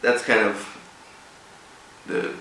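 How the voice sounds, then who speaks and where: A man gives an informal motivational speech with a personal story, speaking haltingly in short broken phrases. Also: sharp tone. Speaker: guest speaker at a rugby club event. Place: echoey room, speaking before an audience. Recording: echoey room, distant mic, faint noise.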